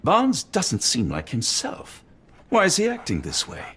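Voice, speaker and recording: An actor playing an earnest, courteous gentleman doctor, a loyal sidekick in a scripted game. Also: on the high side, huge pitch swings, measured pace, slightly rough, full character voice. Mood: puzzled.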